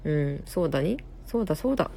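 A young woman with a Kansai Japanese accent hosts a casual live stream, rambling along with lots of fillers, reading viewer comments aloud and correcting herself. Her low voice is expressive, quick, creaky and dark in tone, with slight background noise behind it.

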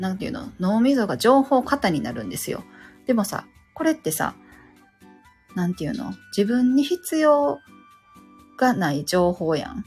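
A woman's voice: on the low side, darkish tone, breathy edge. A woman with a Kansai accent, a stay-at-home mother chatting casually and self-deprecatingly on her own show, often losing her train of thought. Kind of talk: casual solo chat.

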